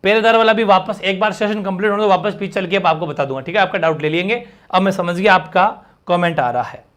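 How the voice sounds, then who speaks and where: High-voiced energetic male teacher. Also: fast talker. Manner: energetic, keeps checking in with students. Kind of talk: live online grammar class.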